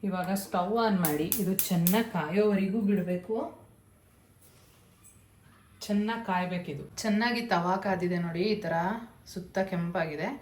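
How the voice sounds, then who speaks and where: A woman with a fairly low voice and a Kannada accent walks through a cooking task step by step, practical and instructive. Her voice bounces around an echoey home kitchen, with clear scrubbing and sizzling behind her. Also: normal speed, darkish tone, a little hiss or hum. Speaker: home cook demonstrating.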